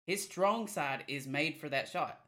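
A man's voice: a little high, unhurried, a bit bright. A man co-hosting a casual sports podcast, talking hesitantly with fillers and trailing sentences. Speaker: podcast co-host.

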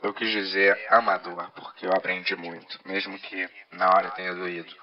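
A man's voice: low voice, flat delivery, normal speed, highs cut off, a loud crowd. A Brazilian man co-hosting a podcast with a half-robotic voice filter, bantering playfully and pretending to be a machine. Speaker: podcast co-host. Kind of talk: casual jokey banter. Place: podcast studio.

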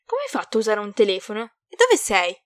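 An irritated teenage boy wizard jolted awake at night, as a woman reader puts him on, snapping in exasperation. He speaks loudly and sharply in a storybook reading. The recording is dry and close. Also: medium pitch, wildly swooping pitch, fairly quick, no echo. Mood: exasperated.

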